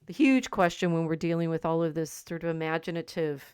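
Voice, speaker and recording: A woman's voice: low-pitched, darkish tone, clean tone, dry recording, clean studio sound. A woman co-hosting a casual discussion podcast, reading quotations aloud and musing with frequent restarts. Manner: thoughtful, halting, many restarts. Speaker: podcast co-host.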